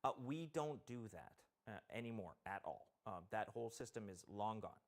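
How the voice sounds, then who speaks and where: A man's voice: fairly low pitch, expressive, moderate pace. A man from Canada, a game developer guest on a talk show, explaining technical systems in detail and thinking aloud as he goes.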